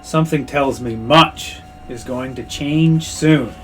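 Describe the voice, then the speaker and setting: A man voicing a courtly, sly dragon noble in a tabletop game, with slow, theatrical, drawn-out phrasing. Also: mid-range voice, soft background music, close to an everyday voice. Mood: sly, thrilled. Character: courtly, sly old dragon noble, savoring every word. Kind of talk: tabletop role-play.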